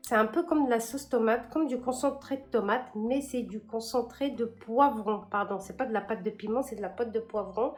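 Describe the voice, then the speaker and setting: A woman's voice: fairly high pitch, moderate pace, few pauses, darkish tone. Chatty woman showing her grocery haul. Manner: chatty, hesitant with many fillers and restarts. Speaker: cooking vlogger. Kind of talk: casual shopping haul chat.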